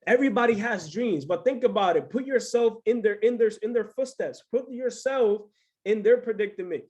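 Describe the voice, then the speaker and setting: A man from the United States giving an energetic motivational business training over a video call, constantly checking in with the listeners. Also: sits high, moderate pace. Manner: hyped, energetic, peppers talk with "right?".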